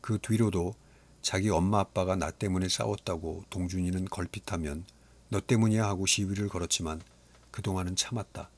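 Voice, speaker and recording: A man narrating an audiobook in a steady, measured storytelling voice. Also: deep voice. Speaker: audiobook reader.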